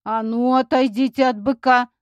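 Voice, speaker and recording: A gruff, scruffy village man who barks out scolding words, as a woman reads him out. Her voice stays rather high, close and dry at the mic. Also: measured pace, dry recording, lo-fi sound, natural voice. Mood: barking. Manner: barking, scolding.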